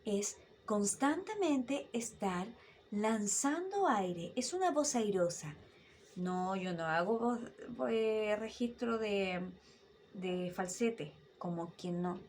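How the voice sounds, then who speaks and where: A woman's voice: medium pitch, slow pace, slight background noise. A woman, a voice-acting coach giving an online dubbing lesson. She keeps asking her listener rhetorical questions. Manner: animated teacher, asks rhetorical questions, demonstrates voices.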